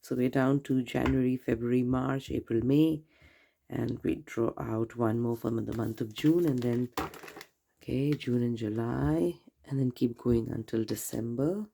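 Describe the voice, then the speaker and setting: A woman giving a tarot reading straight to the viewer, gentle and reassuring, her voice nasal from a cold and congestion. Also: very deep voice, measured pace, gravelly, slight background noise. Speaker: tarot reader. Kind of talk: casual tarot reading to camera.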